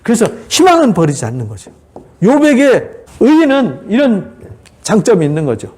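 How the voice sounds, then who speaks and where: A man, a pastor, giving an animated Bible lecture and acting out the quotes. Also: sits high, normal speed.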